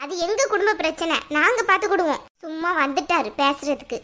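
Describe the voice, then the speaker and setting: A woman's voice: very high-pitched, a little fast, pushed and bright, pitched below the performer's own voice. A woman voicing a harsh middle-aged mother who scolds and gives orders in a cartoon. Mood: scolding. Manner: scolding and commanding. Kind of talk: cartoon voice acting.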